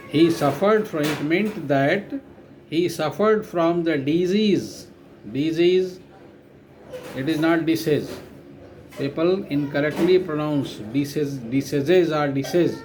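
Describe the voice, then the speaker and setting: A man's voice: on the high side, darkish tone, a little hiss or hum, poor audio. A male teacher giving a dictation lesson, repeating each phrase and spelling words out letter by letter.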